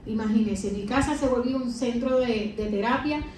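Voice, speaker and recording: A middle-aged woman speaks to a congregation in a fairly high voice. She gives her testimony with emphasis and keeps pulling the audience in with rhetorical questions. She sounds distant from the mic in a heavily reverberant hall with a faint hum underneath. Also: normal speed, darkish tone. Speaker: church speaker and mother giving testimony. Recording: very echoey hall, mic far off.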